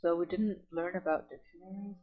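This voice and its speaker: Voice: medium pitch, steady tone, a little fast, narrow, tinny audio. A tutor in an online coding lesson who reads documentation aloud and then explains it plainly, step by step.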